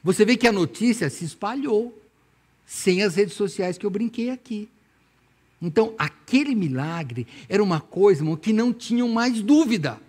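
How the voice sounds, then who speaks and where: A man's voice: high-pitched, expressive, normal speed, a little mellow. A Brazilian man in his sixties preaching a sermon in church, telling stories with humor and acting out imagined dialogue. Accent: Brazilian Portuguese. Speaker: pastor. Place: church, evening service.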